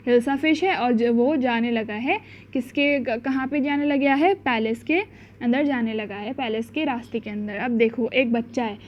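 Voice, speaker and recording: A woman teacher explaining a school story chapter, mixing languages, acting out the quotes and reading English lines slowly. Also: a little high, a little hiss or hum. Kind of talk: storybook lesson in Hindi and English. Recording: dull lo-fi sound.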